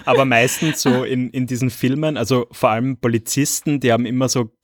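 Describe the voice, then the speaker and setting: A man co-hosting a casual podcast, teasing and deadpan. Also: medium pitch, fairly quick, no room sound, studio quality. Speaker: podcast co-host.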